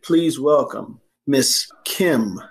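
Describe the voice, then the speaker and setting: A man's voice: mid-range voice, animated, extremely slow, background noise. A man hosting a casual interview show, joking, rhyming and repeating phrases for emphasis. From Harlem, New York. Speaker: podcast host.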